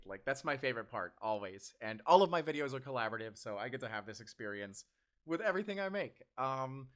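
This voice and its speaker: A young man chatting casually while he answers fan questions, with lots of fillers and bursts of excitement. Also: mid-range voice. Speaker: audio drama creator answering fan questions. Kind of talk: casual Q&A chat.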